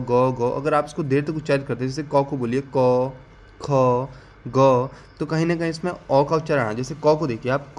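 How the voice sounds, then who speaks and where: A man teaching an exam-prep grammar lesson, asking the class questions, answering them himself, and repeating key definitions slowly. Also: fairly high pitch, a little mellow.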